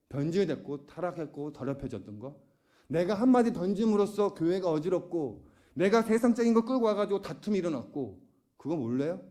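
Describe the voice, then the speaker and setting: A man pastor preaching a sermon in a church, keeping up a steady run of questions to the congregation. His voice is dark and warm, and his pitch swings widely from line to line. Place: church sanctuary.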